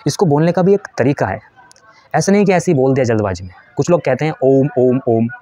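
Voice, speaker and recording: A man's voice: on the high side, big pitch swings, fast talker, dark tone. A man giving a patient spiritual lesson. He explains step by step, asks questions and answers them himself, and shows how to chant. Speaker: spiritual teacher.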